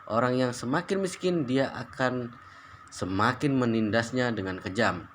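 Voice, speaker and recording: A man's voice: mid-range voice, a little slow, a little hiss or hum, lightly acted. Stern male henchman for a storybook, read by a man in his own voice; menacing to enemies, fawning to his master. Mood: deferential. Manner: threatening, then deferential. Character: stern loyal male underling, harsh to foes.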